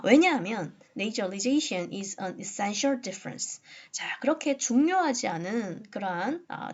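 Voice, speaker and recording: A woman's voice: medium pitch, a little mellow, dull audio. A woman teaching English phonology in a lecture on the English quotes, who keeps checking in with her students. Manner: explanatory, frequent "자" and "그죠?" checks, reads English quotes slowly. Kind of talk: online lecture.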